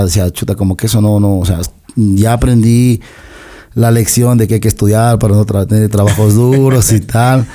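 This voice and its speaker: A man's voice: on the low side, warm tone. A middle-aged man from Latin America, a podcast guest telling stories in casual chat and acting out the quoted lines. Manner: chatty, acts out quoted dialogue. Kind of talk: casual storytelling.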